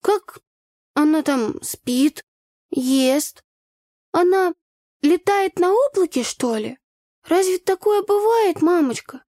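A woman putting on a high, wondering little girl. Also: animated, dark tone, dry recording, studio quality, heavily acted. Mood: puzzled, wondering. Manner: questioning, drawn-out childlike phrasing. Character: small girl, earnest and puzzled. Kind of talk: audiobook character voice.

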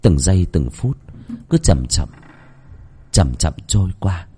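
A man narrates a ghost story in a lowish voice. His pitch swings widely as he leans into the drama. The delivery stays expressive and storytelling throughout. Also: slow, slight background noise.

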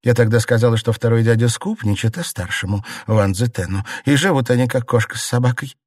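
A man reading aloud voices a proud, sharp-tongued young noblewoman who runs a grand household, raising his voice and speaking bitterly. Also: medium pitch, steady tone, brisk, husky, dry recording, studio quality, natural voice. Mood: arguing. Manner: imperious, bitter, scolding.

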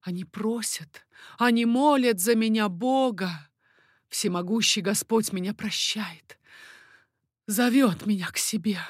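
Woman reading a dying young king, hushed. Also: medium pitch, steady tone, slow pace, husky, no room sound, studio quality. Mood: hushed prayerful. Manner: faint, hushed, partly whispered prayer.

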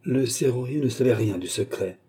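A man reading a classic novel aloud as audiobook narrator, steady and measured. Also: mid-range voice, slightly rough.

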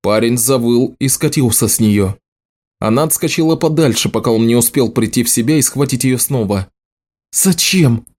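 A man narrating an audiobook in a steady storytelling delivery. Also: medium pitch, brisk. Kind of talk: scripted narration.

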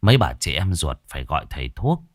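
A man's voice: extremely low pitch, very animated, fast talker, no echo, clean studio sound. A man narrating a horror story in a vivid, theatrical, gory way.

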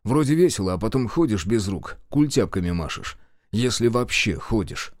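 A man's voice: fairly low pitch, animated, normal speed, no echo, lightly acted. Guy doing a dry sarcastic officer, plain voice, dead close mic. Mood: wry. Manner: sardonic. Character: dry, sardonic male partisan officer.

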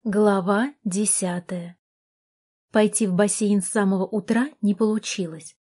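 A woman reading a first-person romance novel aloud, with an expressive narration style. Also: medium pitch, a little fast. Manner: expressive reading, voicing the heroine with passion. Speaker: audiobook narrator.

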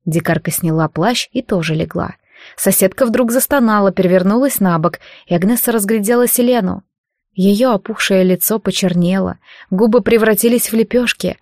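A woman reading a fantasy novel aloud as an audiobook narrator, with expressive storytelling. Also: mid-range voice, moderate pace, dry recording, studio quality. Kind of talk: scripted narration.

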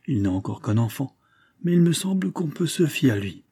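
A man reading an audiobook, voicing a formal, measured old English lawyer. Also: medium pitch, sing-song, warm tone, breathy edge, no echo, studio quality, pitched above the performer's own voice. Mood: earnest.

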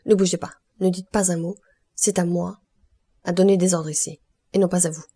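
A woman voicing an anxious, pale male crown prosecutor in an audiobook, commanding and then hushed. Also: on the low side, level tone, normal speed, breathy edge.

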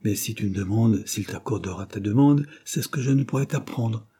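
A man's voice: lowish voice, fairly quick, mellow, slightly rough. A man reading a dry, sober Quaker clerk. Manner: dry, brief, formal speech.

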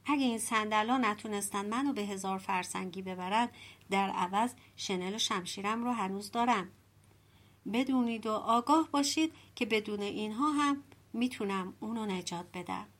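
A woman's voice: mid-range voice, lightly acted. A woman voicing a proud, hot-tempered young prince in a storybook reading, with indignant outbursts. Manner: indignant, self-pitying outbursts.

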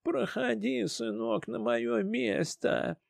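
A man voicing a kind-hearted old woman in a queue, speaking softly. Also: extremely high pitch, takes it slowly, creaky, no echo, studio quality, voice pushed up, exaggerated voice. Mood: kindly.

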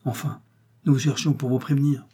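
A man's voice: medium pitch, fairly even intonation, brisk, warm tone, slightly rough, pitched above the performer's own voice, close to an everyday voice. A man reading aloud, voicing a grumbling middle-aged male pharmacist who blusters and exclaims.

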